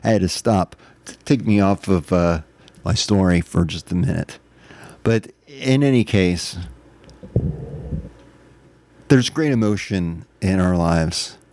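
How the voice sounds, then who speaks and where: A man's voice: low voice, measured pace, a little mellow. A man hosting his own podcast, telling a personal story in a candid, earnest, self-reflective way in casual monologue. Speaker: podcast host.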